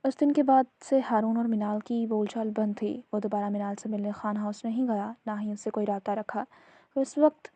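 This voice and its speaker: A woman narrating a serialized novel in a steady, even reading voice. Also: medium pitch, no room sound.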